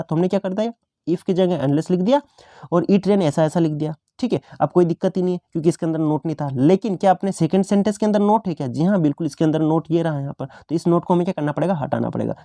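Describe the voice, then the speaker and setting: A man teaching an exam-prep English grammar lesson in Hindi, asking himself questions and answering them, slowing down to read English examples. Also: high voice, warm tone, no echo.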